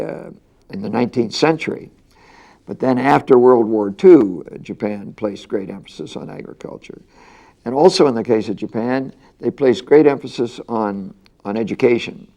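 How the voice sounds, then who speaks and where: Older male interviewee, deliberate and pausing for words, mellow, heavy vocal fry. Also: mid-range voice. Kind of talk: measured interview answers.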